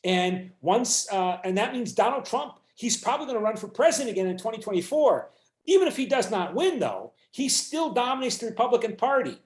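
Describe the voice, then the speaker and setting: A man's voice: extremely high pitch, very animated, fairly quick, reverberant. A man teaching an online university class, lecturing with many fillers and restarts over a video call. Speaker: university instructor.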